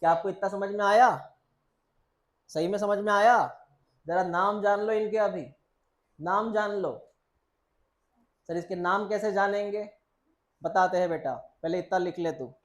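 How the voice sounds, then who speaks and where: A male biology teacher speaking Hindi with English terms in a classroom lecture. He quizzes students with the same question several times and answers it himself, calling them "beta". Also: high-pitched. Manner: repeats key points and quizzes students, answering his own questions; coaxing, calls the listener "beta".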